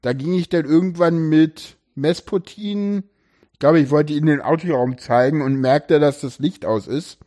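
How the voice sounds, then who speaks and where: A man's voice: a little high, normal speed, dark tone. A man hosting a casual group podcast chat, telling stories with many restarts and fillers. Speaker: podcast host.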